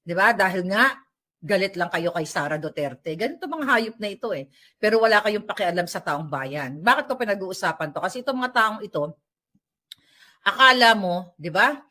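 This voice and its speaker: Animated ranting vlogger. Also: female voice, medium pitch, moderate pace. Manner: animated, sarcastic ranting with laughs and English code-switching. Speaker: political vlogger. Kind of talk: casual vlog commentary. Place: at home while tidying up.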